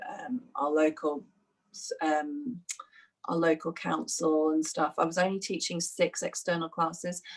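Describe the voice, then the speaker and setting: In a relaxed interview, a fitness instructor from the United Kingdom reflects aloud, using many fillers and often starting over. Her voice is fairly low in pitch with a creaky quality.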